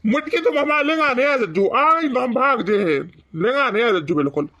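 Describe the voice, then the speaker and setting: A woman's voice: a little high, animated, a little fast, dull audio, very noisy, natural voice. A woman voicing a stubborn, teasing old village father-in-law in a cartoon comedy, bickering with his wife. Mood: mocking. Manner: mocking and bickering, later pleading.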